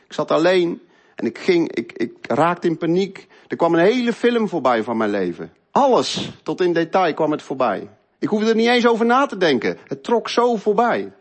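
A middle-aged man telling an earnest, emotional personal faith testimony, moving between loud stretches and hushed ones. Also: on the high side, breathy edge. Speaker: speaker giving a faith testimony.

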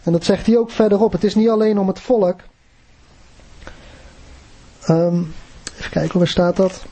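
A man's voice: high voice, normal speed, dark tone. A man preaching a sermon in an earnest, conversational way, often putting questions to his listeners.

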